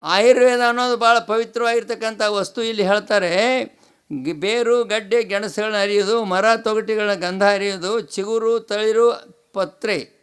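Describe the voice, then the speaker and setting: A man with a high, slightly bright, clean voice speaks at normal speed with fairly even intonation. He is a swami from North Karnataka, India, delivering a pravachana in a North Karnataka Kannada accent, posing rhetorical questions to the audience and repeating key phrases.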